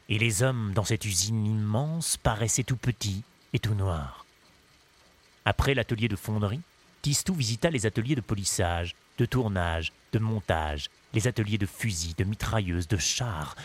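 A man narrating a children's story in a measured, expressive reading. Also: on the low side, breathy edge.

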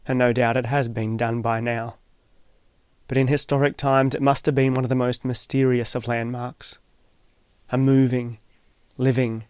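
A man narrating a reflective essay in a measured, thoughtful way, with dry, wry asides. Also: mid-range voice, darkish tone, smooth, dry recording.

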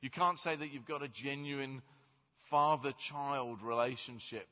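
A man's voice: mid-range voice, steady tone, measured pace. A man preaching a sermon in a large church on a headset mic, chatty and self-deprecating. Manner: self-deprecating, conversational storyteller. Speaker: guest preacher. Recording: roomy church reverb, slightly dull.

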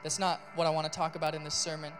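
A male pastor giving a sermon in a casual, animated storytelling style, full of fillers. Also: fairly high pitch, very fast, faint music behind.

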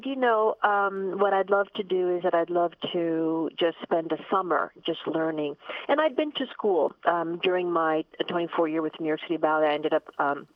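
A woman's voice: fairly low pitch, dry recording. Older lady from miami by way of cuba, chatty w/ lots of uh and um, phone-line audio. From Cuba, raised in Miami. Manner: chatty, many fillers and restarts, laughs often. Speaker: guest, ballet company artistic director. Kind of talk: podcast interview.

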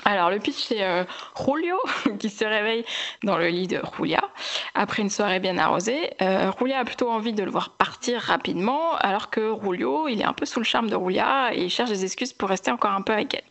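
A woman's voice: mid-range voice, lively intonation, a little fast, vocal fry, a bit bright. A young woman hosting a casual film chat, chatty, with many fillers and restarts. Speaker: film podcast host.

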